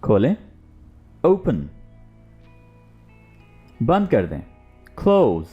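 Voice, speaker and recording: A man's voice: mid-range voice, wildly swooping pitch, extremely slow, slightly rough, lo-fi sound, soft background music. A man teaching an online language lesson. He repeats example words so the listener can copy them, stressing each one with exaggerated intonation. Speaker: English teacher.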